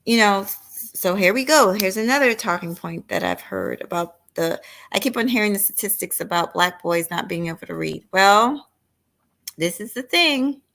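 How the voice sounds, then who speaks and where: A woman's voice: mid-range voice, lively intonation, moderate pace, vocal fry, fairly bright tone. A middle-aged woman hosting a casual late-night livestream. She talks straight to her viewers, reads their comments aloud and gives firm opinions. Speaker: livestream host.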